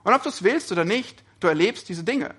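Male preacher with a high, bright voice; earnest sermon delivery full of rhetorical questions. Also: lively intonation, fairly quick, husky.

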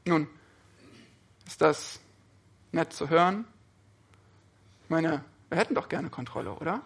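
A man's voice: fairly high pitch, animated, a little slow, slightly rough. A man preaching a sermon, speaking earnestly and often putting questions to his listeners.

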